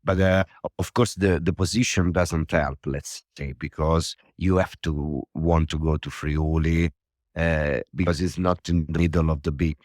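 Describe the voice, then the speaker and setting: A man's voice: rumbling low, steady tone, unhurried, darkish tone, dry recording, studio quality. A man from southern Italy with an Italian accent, a wine professional answering interview questions in a friendly way and laughing often. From Puglia, Italy. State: morning voice. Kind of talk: casual interview over a phone call.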